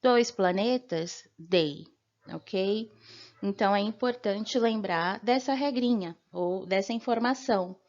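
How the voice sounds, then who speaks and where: Slow, patient Brazilian woman teacher. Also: medium pitch, a little mellow, muffled recording. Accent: Brazilian Portuguese. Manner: patient, explanatory, checks in with "ok?" often. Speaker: English teacher. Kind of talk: beginner language lesson.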